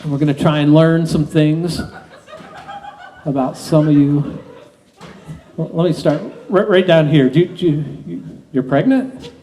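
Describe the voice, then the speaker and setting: A man's voice: fairly high pitch, a little slow, pauses often, dark tone, slight background noise, rough recording. A man hosting a live stage hypnosis show, giving instructions to volunteers conversationally and repeating his phrases, over an amplified mic. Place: open-sided pavilion stage at night.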